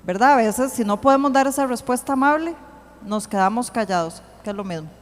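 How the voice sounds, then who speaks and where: A woman giving an earnest church teaching, slowing to read scripture aloud. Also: a little high, animated, slight background noise. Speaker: church speaker. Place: church hall. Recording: long hall reverb.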